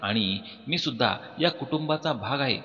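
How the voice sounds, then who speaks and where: A man's voice: mid-range voice, expressive, normal speed. A man voicing a determined young daughter who speaks earnestly about her dreams. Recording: dull recording with long reverb, soft music behind.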